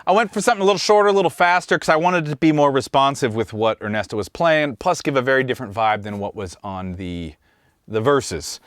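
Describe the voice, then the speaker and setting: In his studio control room, a host and drummer from Kansas, USA, walks through how he mixed a track in an easygoing, conversational way. His mid-range voice is a bit bright and fairly quick, suiting a casual studio tutorial.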